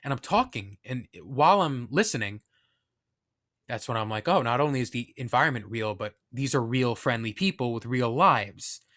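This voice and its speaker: A man's voice: mid-range voice, expressive, moderate pace, a bit bright. A young man from the Northeastern US casually telling a personal story, candid and self-deprecating, with rambling asides. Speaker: podcast storyteller.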